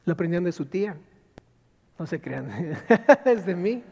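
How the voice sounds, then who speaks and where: A man's voice: sits high, expressive, a little slow, creaky, a little mellow, slightly rough. A male pastor preaching a sermon, asking rhetorical questions and acting out quotes. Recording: long reverb of a large hall.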